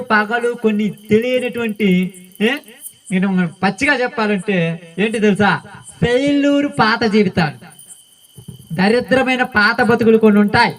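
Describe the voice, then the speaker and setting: A man's voice: sits high, rough recording. A male pastor preaching a sermon in a colloquial style, often putting questions to the congregation.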